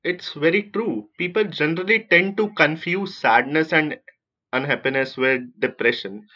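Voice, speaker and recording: A man's voice: fairly high pitch, moderate pace, pushed and bright. A man co-hosting a podcast, chiming in briefly and earnestly. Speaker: podcast co-host. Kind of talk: casual podcast chat. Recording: muffled lo-fi recording.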